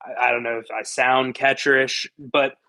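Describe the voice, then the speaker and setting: A young man with a Pittsburgh accent hosts a casual sports podcast at a middle pitch. He tells stories with profane energy and quotes his own outbursts. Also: moderate pace. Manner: profane, animated storytelling with quoted reactions. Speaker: podcast co-host.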